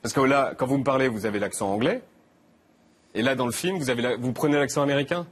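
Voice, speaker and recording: A man hosting a TV talk show, putting brisk, teasing questions to his guest. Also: mid-range voice, slightly rough. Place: TV studio with an audience.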